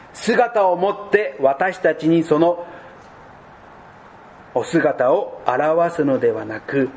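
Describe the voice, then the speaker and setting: A man with a high-pitched voice gives a deliberate sermon as pastor. He lets his voice sink soft and low to land his points. A faint hum of room ambience sits behind him. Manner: slow deliberate preaching, dropping to soft low tones.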